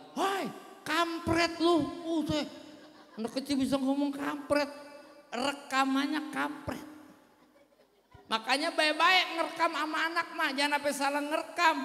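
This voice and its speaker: A man preaching with a Betawi accent, telling jokes and stories in an animated comic style. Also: extremely high pitch. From Jakarta. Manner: joking, animated storytelling with playful voices. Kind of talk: comic religious lecture. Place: large hall at a religious gathering. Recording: echoey hall with long reverb.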